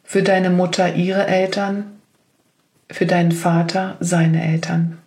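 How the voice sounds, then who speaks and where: Female meditation guide; calm, level delivery, unhurried pace. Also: on the low side. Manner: slow, gentle spoken instructions.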